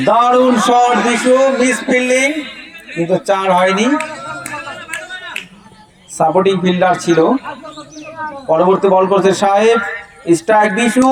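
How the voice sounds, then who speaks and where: High-pitched man commentating cricket. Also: low-quality recording. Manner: repeats phrases for emphasis. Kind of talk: live amateur cricket match commentary. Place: outdoors at a local cricket ground. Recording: loud crowd behind. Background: match crowd.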